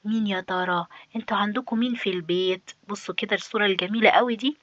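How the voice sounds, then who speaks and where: A woman with an Egyptian Arabic accent teaches young children English, drawing out English words slowly and coaxing them along. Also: medium pitch, a bit bright, no room sound, muffled recording. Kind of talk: children's lesson, explaining a textbook.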